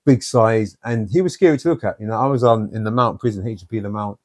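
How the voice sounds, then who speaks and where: A man's voice: lowish voice, fast talker, a little mellow, no echo. A man telling blunt, streetwise stories from his own life in an interview. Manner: blunt, streetwise storytelling with many "you know"s. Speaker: guest.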